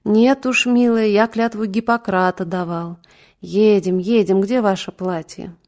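A woman's voice: medium pitch, fairly even intonation, measured pace, a little mellow, close to an everyday voice. Brusque middle-aged male doctor, stern yet fatherly, read by a woman narrator. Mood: soothing. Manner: stern then fussing, fatherly.

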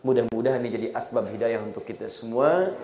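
A man preaching a sermon in a mosque, telling stories and moving between soft and raised passages. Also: medium pitch, quick pace, a crowd in the background.

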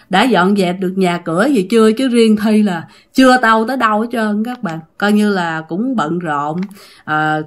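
A woman with a Southern Vietnamese accent telling ghost stories in a chatty way, talking straight to her listeners. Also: mid-range voice. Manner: chatty, addresses listeners directly. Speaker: storytelling podcast host. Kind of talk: casual ghost-story narration.

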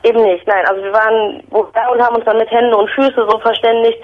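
A woman in her twenties calling in to a radio show, talking earnestly and haltingly with many fillers. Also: a little high, flat delivery. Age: 20s. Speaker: caller. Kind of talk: phone-in call. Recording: phone line on radio.

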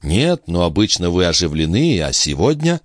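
A worried, tender young brother, played by a male narrator who asks gentle, concerned questions. His intonation is lively. The audiobook sound is dry and close. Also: sits low, moderate pace, no room sound.

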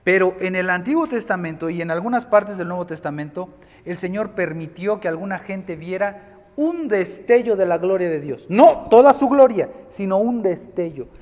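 A man preaches a sermon in a high voice, dropping to a hush and then building to loud, emphatic lines. His voice rings out with the long reverb of a church hall. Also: moderate pace. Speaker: pastor.

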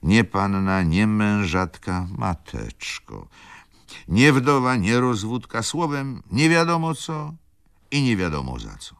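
A man's voice: lowish voice, very animated, slow, fairly bright tone, clear, resonant tone, no room sound, clean studio sound, voice pushed up, heavily acted. A man voicing a stern, grey-haired old mother in an audiobook reading, speaking in an agitated, declamatory way. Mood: indignant.

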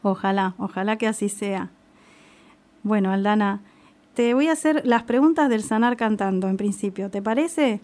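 A woman hosting a community radio show reads an introduction and then interviews a guest in an unhurried, affirming manner. Her voice is mid-range and darkish, with lively intonation.

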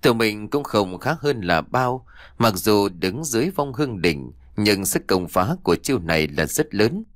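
Guy reading a story aloud, low voice, dry sound, really expressive. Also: normal speed, no room sound. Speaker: audiobook narrator. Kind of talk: scripted narration of fiction.

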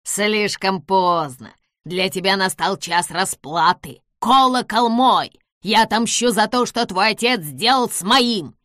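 A woman voicing a spiteful, vengeful little man who gloats and shouts threats. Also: medium pitch, normal speed, no room sound, clean studio sound, lightly acted. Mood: gloating.

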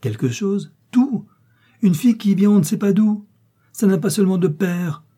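A man reading an audiobook, voicing an angry, contemptuous peasant mother who scolds in loud outbursts. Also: mid-range voice, fairly even intonation, normal speed, lightly acted. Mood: scornful, furious. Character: angry scornful peasant mother, older woman.

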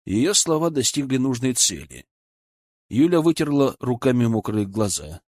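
A man narrating an audiobook with expressive, animated reading. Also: medium pitch, normal speed, dry recording, clean studio sound.

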